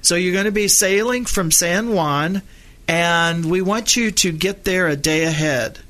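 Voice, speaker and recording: A man co-hosting a radio travel show, chatting casually and rambling a little, clearing his throat now and then. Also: high voice, measured pace, a bit bright.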